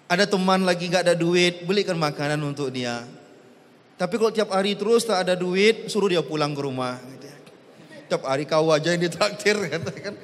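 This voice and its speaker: A man. He is lively and jokey, pushing his pitch up and down for emphasis. The sound carries a long reverb, as in a big hall. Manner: lively, jokey, rising and falling emphatic delivery. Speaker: preacher. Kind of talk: sermon.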